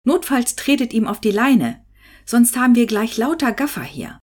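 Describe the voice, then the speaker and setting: A woman's voice: a little high, sing-song, normal speed, pitched above the performer's own voice. A woman voicing a bossy, nosy old woman who runs a kiosk, scolding and giving orders. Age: over 60. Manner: scolding, commanding.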